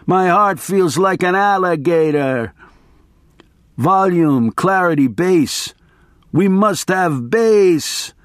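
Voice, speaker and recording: A wild, frantic attorney played by a man reading an audiobook, shouting in a raised, swooping voice with lots of movement. The sound is close and dry. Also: high voice, animated, slow pace, no room sound, pitched above the performer's own voice. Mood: frantic raving. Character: manic adult male attorney, frantic and raving.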